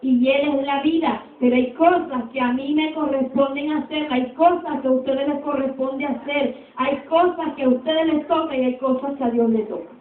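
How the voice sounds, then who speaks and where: A woman's voice: sits high, fairly even intonation, moderate pace, roomy sound, narrow, tinny audio. A woman pastor preaching a sermon with an emphatic, repetitive cadence, recorded in a church from a distance.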